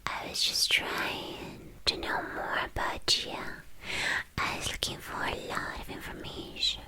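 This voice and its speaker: Here a woman plays a young female villain for ASMR, boastful and playful, her breathy, teasing whisper full of stops and repeated phrases. The sound is pushed and bright, and she comes across as intrigued and admiring.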